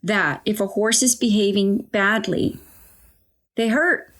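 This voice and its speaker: A woman's voice: mid-range voice, takes it slowly, a bit bright. Rambling, anecdotal woman host. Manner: anecdotal, rambling, acts out quoted voices. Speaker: host, equine body worker. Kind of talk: casual conversational interview.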